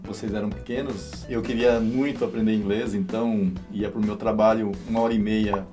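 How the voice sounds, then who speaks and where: A Brazilian man in his fifties, a father, telling a story in a lively, casual chat and often tagging his sentences with a quick question. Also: lowish voice, music in the background. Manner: lively storyteller, frequent "né?", laughs as he tells.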